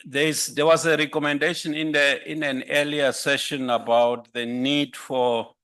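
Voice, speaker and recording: A man making a polite, measured comment from the floor at a conference. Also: on the high side, flat delivery, fairly bright tone, smooth. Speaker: audience member.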